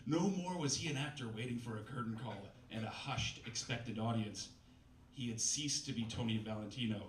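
On the small stage of a bistro, a man in his thirties with a mid-range voice reads a novel to a live crowd at a comedy reading night, delivering it with mock drama and wry asides. The stand mic is heard through a distant camera, leaving the audio roomy with faint background noise.

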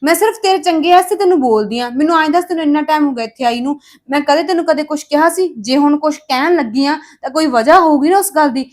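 An actress playing a stern sister-in-law who lectures a younger girl with sharp retorts. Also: sits high.

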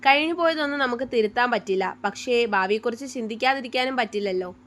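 A gentle older man with a fatherly manner offers soft, coaxing advice in a story read aloud, as a woman narrator takes his part. The voice stays high. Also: fast talker, close to an everyday voice.

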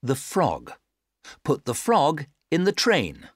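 A woman's voice: low voice, huge pitch swings, slow pace, no echo, clean studio sound, full character voice. A woman acting a patient adult giving simple instructions in careful, stilted textbook dialogue. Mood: patient, instructive. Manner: careful, over-clear instructing.

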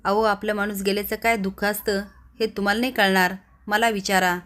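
An angry young male constable scolds an elder in a retold serial, as a woman narrator plays him. His voice stays flat even while he scolds. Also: mid-range voice, brisk, lightly acted. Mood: scolding.

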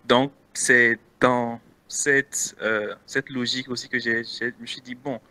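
A man's voice: mid-range voice, flat delivery, a little slow, bright, forceful tone. A man with a Beninese French accent answering interview questions casually as a guest content creator, hesitant with many restarts.

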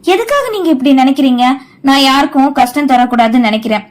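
A woman voicing a dutiful seventeen-year-old granddaughter who speaks softly and earnestly in a storybook reading. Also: high-pitched, big pitch swings, fast.

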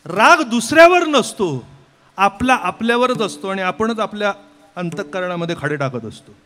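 A man giving a devotional kirtan sermon, with rhetorical questions and sudden swings from soft to loud. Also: high voice, big pitch swings, normal speed. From Mumbai, India. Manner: rhetorical, keeps asking "kay", swings between soft and loud. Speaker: kirtan preacher.

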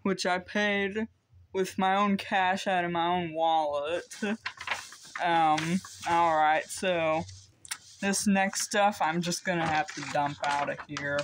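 A man's voice: fairly high pitch, level tone, slow pace, noisy background. A teenage boy chatting casually as he unboxes secondhand discs at home, rambling with lots of ums. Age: teens. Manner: rambling, hesitant, many ums. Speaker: vlogger.

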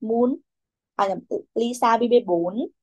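A woman's voice: a little high, takes it slowly, dull audio. A young woman teaching a children's English class, who calls on pupils by name, repeats their answers and mixes English words into her instructions.

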